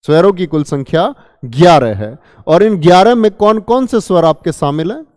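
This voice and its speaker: A man's voice: on the high side, animated, moderate pace, darkish tone, no room sound, clean studio sound, long reverb tail. A male teacher giving an exam-prep grammar lesson, asking his students questions and then answering them himself. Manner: calls listeners children. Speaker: Hindi teacher.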